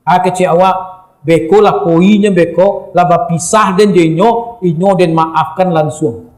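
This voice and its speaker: A man with a Minangkabau accent preaching a sermon, speaking straight to the listeners in a lively way. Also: high-pitched, unhurried, roomy sound. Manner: lively, addresses the audience directly.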